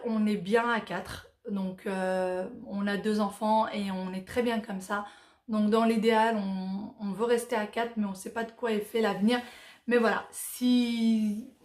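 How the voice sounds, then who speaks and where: A Moroccan-born woman in her thirties, with a fairly high voice in a reverberant space, hosts a casual Q&A vlog. She chats easily, reading viewer questions aloud and answering with lots of fillers.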